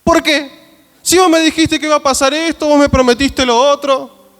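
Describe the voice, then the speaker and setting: A preacher putting on a weeping grown man who cries out to God in high, pleading bursts. His voice rings through a long church-hall reverb. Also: steady tone, moderate pace, fairly bright tone.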